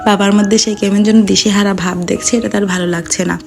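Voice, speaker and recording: Gravelly-voiced woman reading a story. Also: medium pitch, steady tone, fairly quick, a little mellow. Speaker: audiobook narrator. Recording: faint background music.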